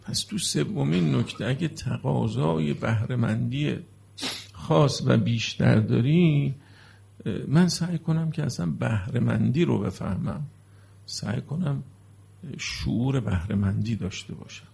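Husky, gravelly-voiced male preacher. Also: mid-range voice, a little mellow. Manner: emotional, shifting from earnest explanation to mournful lament. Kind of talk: religious sermon to a seated congregation.

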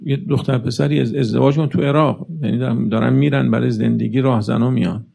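Man giving a sermon, super gravelly, kinda dark tone, fires off question after question. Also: mid-range voice, fairly even intonation. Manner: fervent, rapid-fire rhetorical questions. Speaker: preacher. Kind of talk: religious sermon.

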